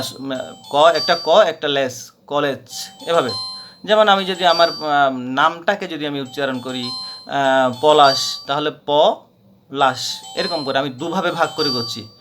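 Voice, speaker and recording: Patient male teacher, slightly high voice. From Bangladesh. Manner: patient, repeats points, many hesitations. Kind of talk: classroom grammar lesson.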